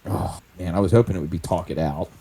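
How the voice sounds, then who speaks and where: A man's voice: deep voice, fast talker, dark tone, husky. A man taking part as a player in a tabletop game, thinking aloud and restarting his sentences. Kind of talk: casual tabletop play.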